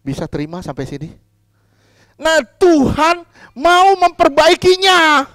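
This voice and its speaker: A man preaching a sermon as pastor, putting questions to the congregation, repeating key lines and swinging between loud emphatic lines and quiet asides. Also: very high-pitched, wildly swooping pitch, a little slow, no room sound, clean studio sound.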